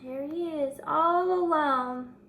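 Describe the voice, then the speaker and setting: Taking her time, a high-voiced woman reads a picture book to children like a teacher, narrating, commenting, and encouraging the young audience to think as she addresses them directly. Her tone is fairly bright, though the low-quality recording carries a little hiss or hum.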